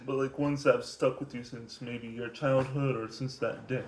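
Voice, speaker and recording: A man's voice: mid-range voice, steady tone, normal speed, poor audio. A teenage boy interviewing his father for a school assignment, speaking hesitantly with many fillers. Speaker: student interviewer. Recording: faint background noise with clicks.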